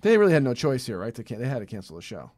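A man co-hosting a relaxed podcast. He talks quickly, in a dry, close sound with no room behind him. He rambles a little as he chats. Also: mid-range voice, no echo. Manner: rambling, with many fillers and restarts. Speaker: podcast co-host. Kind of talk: casual podcast chat.

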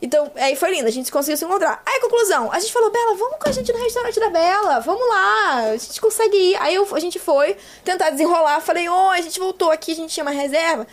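A young woman with a Brazilian Portuguese accent, a podcast guest telling an anecdote in a casual, animated way and acting out the dialogue herself. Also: very high-pitched, quick pace, few pauses, a little hiss or hum. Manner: animated, acts out quoted dialogue, swears casually.

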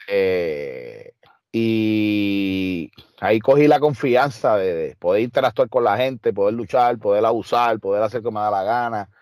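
Here the Puerto Rican wrestler and trainer talks unhurriedly in a fairly low, slightly mellow voice, with no room sound. Telling stories as an interview guest, he stays emphatic and streetwise, his Puerto Rican Spanish accent clear and his speech full of fillers.

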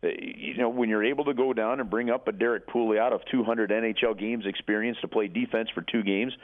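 Low-voiced man on a tinny phone line. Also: steady tone, brisk. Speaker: sports radio commentator. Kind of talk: live hockey analysis on talk radio. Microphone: telephone.

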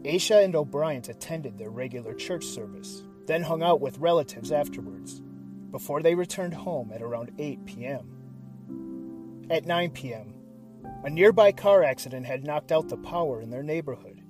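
A man narrating a scripted true-crime story in a suspenseful, measured, serious manner with deliberate dramatic pauses. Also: a little high, lively intonation, over music. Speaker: host and narrator of a missing-persons series.

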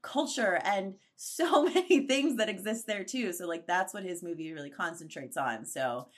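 A woman's voice: mid-range voice, lively intonation, moderate pace. A woman co-hosting a podcast, talking enthusiastically and casually with plenty of "like" and "you know". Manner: enthusiastic, filler-heavy. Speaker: podcast co-host. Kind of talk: casual interview chat.

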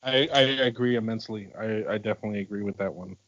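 A man's voice: on the low side, fast, fairly bright tone. Man on dull lo-fi audio. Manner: stammering restarts. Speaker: podcast panelist. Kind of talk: casual film discussion.

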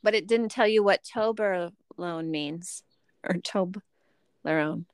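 A woman co-hosting a podcast in casual chat, playful and quick to laugh. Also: medium pitch, no echo. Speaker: podcast co-host.

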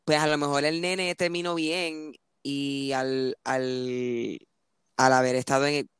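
A woman's voice: a bass voice, level tone, takes it slowly, clean tone, no room sound, clean studio sound. A young woman co-hosting a casual chat over a phone, thinking aloud and mixing Spanish with English. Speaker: podcast co-host.

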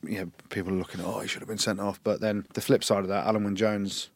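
Male co-host, rapid laughing rugby chat, deep-ish, dry booth sound. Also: creaky, no echo. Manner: animated, laughs often, quick banter. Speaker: podcast co-host.

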